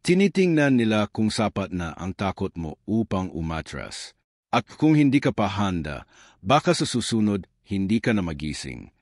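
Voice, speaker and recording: A man's voice: on the low side, very animated, moderate pace, no room sound, clean studio sound. A man voicing an ancient Shokoy creature who mentors a young man, solemn and foreboding, in a spoken horror story.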